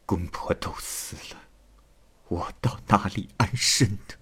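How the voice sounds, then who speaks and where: A man voicing a young wife in a classic tale, speaking in a hushed, breathy near-whisper. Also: low-pitched, a little slow, full character voice. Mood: tearful. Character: young wife, grieving then cold and scheming.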